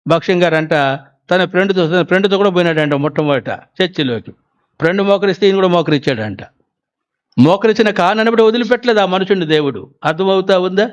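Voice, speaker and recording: A man's voice: high-pitched, brisk. A man preaching a sermon at a prayer house, telling his own testimony and often asking the congregation whether they follow. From Andhra Pradesh, India. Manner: asks the congregation questions again and again.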